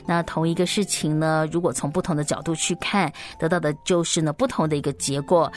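A woman hosting a children's story programme, speaking in animated, simple, explanatory phrases as if reading to small children, with soft particles ending many sentences. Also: sits low, fairly quick, soft background music.

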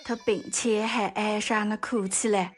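A woman narrating a Bible story in a slow, gentle way and speaking directly to her listeners. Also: medium pitch, flat delivery, breathy edge.

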